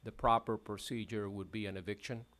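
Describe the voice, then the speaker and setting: A man serving as hearing magistrate, giving measured, firm rulings with frequent pauses, heard in a courtroom hearing recording. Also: fairly low pitch, flat delivery, background noise. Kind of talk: formal hearing proceedings. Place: hearing room.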